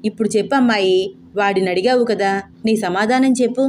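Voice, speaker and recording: A woman's voice: medium pitch, a little fast, a little hiss or hum, close to an everyday voice. A woman voicing a bossy old grandmother who scolds and orders her family around. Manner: sharp, commanding, scolding.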